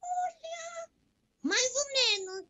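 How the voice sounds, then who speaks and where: Super high squeaky puppet boy, cheeky, sing-songy and teasing. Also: big pitch swings, very slow, sharp tone, heavily acted. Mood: playful. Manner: playful, teasing, sing-song. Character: cheeky young boy puppet, playful and quick. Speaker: puppet character in a children's church segment.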